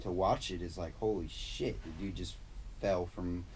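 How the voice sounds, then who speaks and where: A man's voice: deep voice, fairly even intonation, moderate pace, a little hiss or hum, low-quality recording. A young man chatting casually as an interview guest, laid-back, slangy and sweary. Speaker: interview guest, motocross rider. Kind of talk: casual chat.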